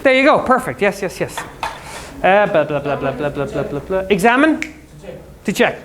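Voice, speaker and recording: A male English teacher in a school classroom, explaining words to students with quick, jokey everyday examples. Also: high voice, sing-song, a crowd in the background.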